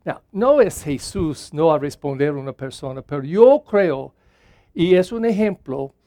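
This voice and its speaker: A man's voice: a little high, expressive, a little slow, warm tone, no echo. Man, parish priest, Sunday homily, dry close sound, earnest, repeats phrases.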